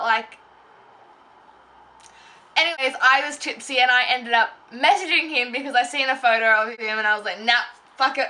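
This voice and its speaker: Brief: young woman, vlogger, rambly casual story time, high voice. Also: pushed and bright. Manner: rambling, filler-heavy, self-interrupting.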